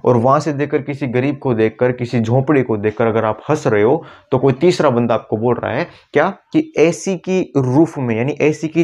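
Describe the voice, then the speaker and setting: A man teaching chemistry at a board, often slowing down to repeat key words and calling his students "beta". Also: mid-range voice, darkish tone, muffled recording. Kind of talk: classroom lecture at a board.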